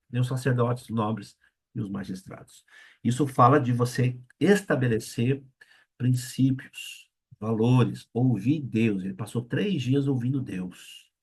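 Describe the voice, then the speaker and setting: A man's voice: mid-range voice, breathy edge. A man with a Brazilian Portuguese accent, a pastor preaching a sermon and acting out the people in the story he tells. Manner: acts out the voices of the people in his story.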